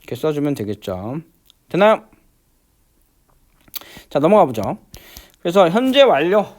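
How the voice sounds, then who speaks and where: A man teaching an English grammar lesson, walking through exercises step by step and constantly asking whether students follow, stretching out the English words slowly. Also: fairly high pitch, sing-song, a little mellow. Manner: repeats check-in questions, many fillers; slows down to spell out English words.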